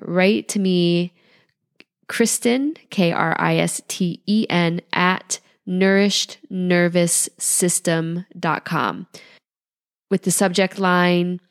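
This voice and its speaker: Woman, podcast host, nasal, low, gravelly, gentle calm delivery. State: nasal voice, getting over an illness. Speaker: podcast host, holistic life coach.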